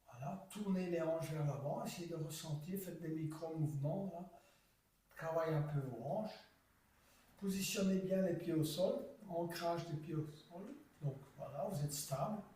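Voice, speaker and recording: A man guiding a yoga class, giving slow, calm cues timed to the breath. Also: on the high side. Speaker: yoga teacher. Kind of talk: guided yoga class instruction. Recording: echoey room, voice from far off.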